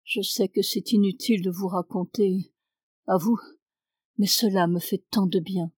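Brief: distressed peasant man confiding his story, woman reader, mid pitch. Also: fairly even intonation, unhurried, a little mellow, breathy edge, dry recording, clean studio sound. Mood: pleading. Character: peasant man held as a madman, pleading.

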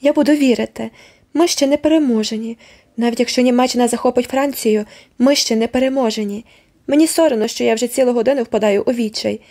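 A woman's voice: a little high, fast, warm tone, voice pushed up. A woman reading the part of an earnest young woman in a storybook, speaking with breathless passion. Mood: defiant. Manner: impassioned, breathless.

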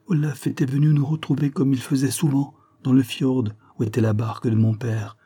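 A man's voice: mid-range voice, flat delivery, fairly quick, dark tone, breathy edge, pitched above the performer's own voice, close to an everyday voice. A man reading aloud, voicing an anxious young woman who earnestly pleads for her fiancé. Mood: earnest pleading.

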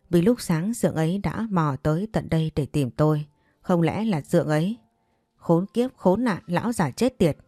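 Woman, storyteller, low voice, dark tone, confiding, first-person narration. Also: no room sound, studio quality.

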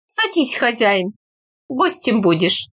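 A woman voicing a practical, playfully scolding young village woman in a read-aloud story, slow and measured. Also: fairly high pitch, very animated. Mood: teasing, brisk.

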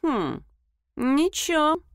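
A woman plays a bossy young woman who haggles without mercy in an audiobook. Her lines are short, icy and commanding, pitched a touch high, in a dry, close sound. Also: sing-song, very slow, no room sound, exaggerated voice. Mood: haughty. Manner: curt, cold and commanding.

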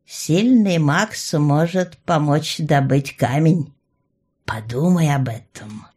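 A woman voicing a blunt, domineering old female goblin matriarch who talks slowly and curtly, with a grumbling edge. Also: low voice, darkish tone, breathy edge, exaggerated voice. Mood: commanding. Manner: slow, curt, grumbling.

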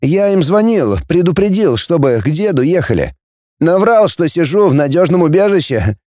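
A man reads a gangly teenage boy in a storybook, nervous and eager to help. His voice sits a little higher than the narration, fussy and hurried. The tone stays mellow and close. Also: very animated, no echo.

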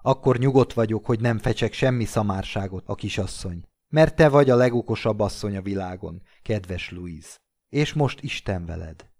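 A man reading an audiobook, voicing a jovial, teasing old gentleman who walks with a cane. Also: on the low side, natural voice.

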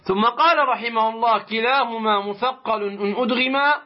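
Man, tajweed teacher, high-pitched, deliberate, rhetorical questions, muffled lo-fi sound. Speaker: Quran recitation teacher. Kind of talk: tajweed lesson. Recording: muffled lo-fi recording.

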